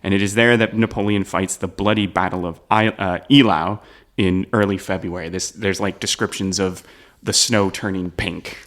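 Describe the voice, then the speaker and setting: A man's voice: low voice, fairly even intonation, normal speed, fairly bright tone. A man telling a history story on a comedy podcast, casual, often checking in with "right?". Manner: explains with "right?" asides, laughs at the jokes.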